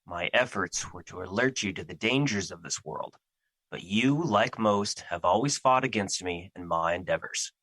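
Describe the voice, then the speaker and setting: Audio drama: male actor as an ancient embodiment of fear, grandiose and troubled, forceful edge, dry recording. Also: deep voice, lively intonation, normal speed, no echo, full character voice, low-quality recording. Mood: regretful, earnest. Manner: formal, grandiose, theatrical.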